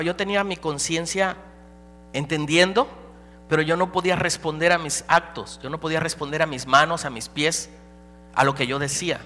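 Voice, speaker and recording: A man preaching a dramatic personal testimony as a pastor, swinging between loud and hushed. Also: fairly high pitch. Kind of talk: sermon testimony. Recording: live hall recording with reverb and hum.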